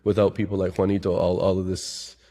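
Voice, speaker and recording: Low, flat-voiced soccer coach. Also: male voice, fairly quick. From Chile. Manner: rambling, detail-focused explanations with many restarts. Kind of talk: casual podcast chat.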